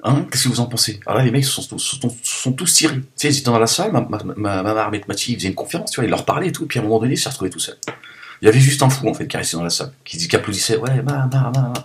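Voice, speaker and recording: Low-voiced Parisian man joking around. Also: lively intonation, racing. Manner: joking, rambling, teasing asides. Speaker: vlogger. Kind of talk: casual vlog monologue. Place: home, cold room.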